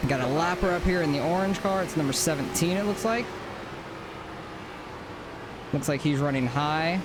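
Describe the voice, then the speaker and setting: Higher-pitched man casually commentating over engine noise. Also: normal speed. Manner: informal, thinking aloud. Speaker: sim racing streamer. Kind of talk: casual live gameplay commentary. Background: racing game car engine.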